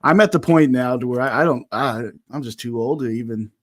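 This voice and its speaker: A man in his forties in a casual video-call chat, talking haltingly with frequent restarts. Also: mid-range voice. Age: 40s. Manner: halting, restarts often, laughs easily.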